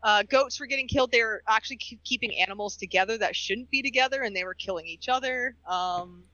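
A woman's voice: a little high, fast talker, bright, forceful tone, no echo, muffled recording. A woman co-hosting a casual podcast chat, telling anecdotes and acting out the people in them. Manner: storytelling, acts out quoted dialogue. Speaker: podcast co-host.

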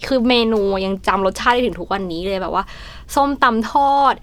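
A woman co-hosting a podcast in casual chat, telling stories in a lively, chatty way. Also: medium pitch, brisk. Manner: lively storyteller, chatty with fillers. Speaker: podcast co-host.

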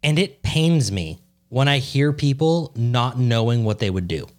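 A man's voice: mid-range voice, lively intonation, a little slow. A man co-hosting a podcast in casual chat, swearing freely and teasing his co-host with mock outrage.

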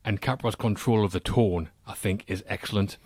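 A man's voice: lowish voice, normal speed, a little mellow, no room sound. A British man delivering confident, opinionated film verdicts in casual podcast chat.

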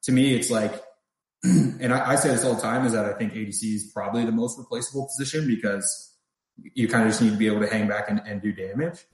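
A man's voice: fairly low pitch, fast talker, very echoey, rough recording. A man appearing as a guest analyst on a casual podcast, thinking aloud with lots of fillers and hesitations.

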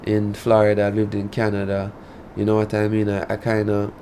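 This rural Jamaican man from Saint Elizabeth has a lowish, dark, monotone voice and talks a bit fast. He's a Patois speaker with a country drawl, giving a casual interview as an artist, with slight noise in the background.

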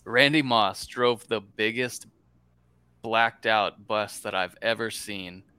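A man's voice: on the low side, fairly even intonation, takes it slowly, sharp tone, smooth, dry recording. A man from central Florida with an American accent, talking sports casually and enthusiastically as a panelist. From central Florida, USA.

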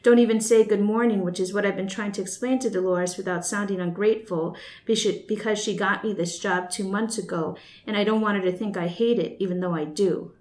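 A woman's voice: mid-range voice, fairly even intonation, fairly quick, hardly any pauses, darkish tone. A woman reads her own first-person fiction aloud, wry and blunt in a conversational way. Her voice sits in a middle register. It carries the echo of a roomy space. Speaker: fiction writer reading her story. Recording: echoey room.

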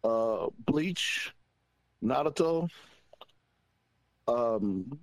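A man co-hosts a podcast, speaking slowly and hesitantly, with many fillers. His voice sits at a middle pitch and is recorded dry and close. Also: expressive, no echo, rough recording. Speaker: podcast co-host. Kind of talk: casual podcast chat.

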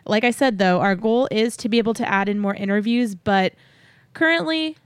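A woman's voice: mid-range voice, normal speed, clear, resonant tone, dry recording. A woman hosting a podcast, giving listeners a chatty update in a cheery, enthusiastic way. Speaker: podcast host. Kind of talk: upbeat podcast announcement, chatty.

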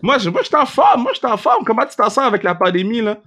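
A man's voice: very high-pitched, huge pitch swings, quick pace, pushed and bright. A young man with a Quebec French accent hosting a casual podcast, hyped and playful, dropping English slang into his French. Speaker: podcast host.

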